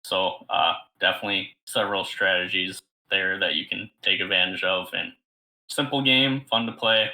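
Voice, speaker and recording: A man co-hosting a board game podcast, explaining a game in a relaxed, casual way with some fillers. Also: sits low, moderate pace, rough recording. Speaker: podcast co-host. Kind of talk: casual chat.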